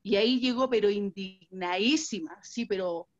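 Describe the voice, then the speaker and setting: A woman with a Chilean accent, a workshop participant, telling a travel story in an animated way and quoting voices. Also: medium pitch, moderate pace, dull audio. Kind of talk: anecdote in online training.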